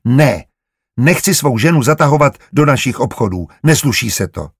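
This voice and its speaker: A man's voice: mid-range voice, animated, vocal fry, slightly rough, dry recording, studio quality. A man playing a proud, stubborn young husband. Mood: insistent. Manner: stiff, restrained. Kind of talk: audiobook character voice.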